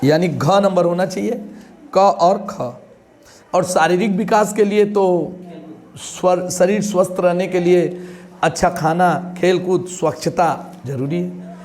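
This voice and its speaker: A man with a high voice leads an exam-prep lesson. He explains each point by asking questions and giving everyday examples. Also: fairly even intonation, slow, a little mellow. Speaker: teacher.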